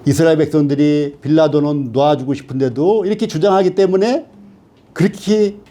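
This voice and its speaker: A man's voice: on the high side, moderate pace, dark tone. A man teaching a Bible study class who keeps asking the class questions and then answering them himself.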